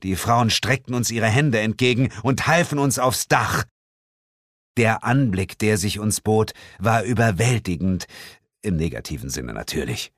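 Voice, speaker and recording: A man narrates a comic horror story in a low, steady voice. He reads dramatically, drawing out the ominous lines. The recording is dry and close, with no room sound. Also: a little slow, no echo. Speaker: audiobook narrator.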